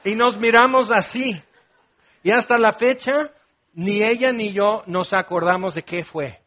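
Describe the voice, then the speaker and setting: Middle-aged man preaching, high-pitched voice, lively and theatrical, slightly muffled recording. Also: unhurried. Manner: animated, acts out scenes with shouts and laughs. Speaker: pastor. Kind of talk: sermon.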